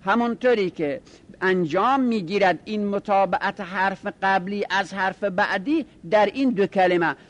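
High-voiced man teaching Arabic grammar. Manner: drawn-out chanting repetitions of word forms; quick asides between slow recitations.

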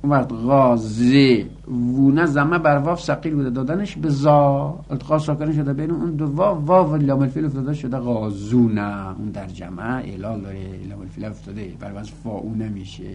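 A man's voice: medium pitch, a little mellow. Male teacher, methodical lesson, chanted word lists, faint background hum. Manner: recites word forms in rhythmic chanted lists. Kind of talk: recorded lesson on Arabic grammar.

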